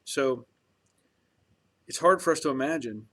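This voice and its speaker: His voice is medium in pitch, a bit bright, and a little slow. He is a man in his early fifties chatting casually on a livestream, rambling and reflective, full of fillers and restarts as he reads viewer comments.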